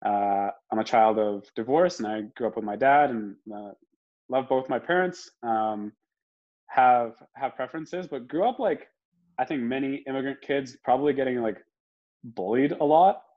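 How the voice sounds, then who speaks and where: A young adult man from Romania, a podcast guest telling his story in a relaxed, casual way with lots of fillers and the odd swear word. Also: mid-range voice, moderate pace. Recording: dull lo-fi sound.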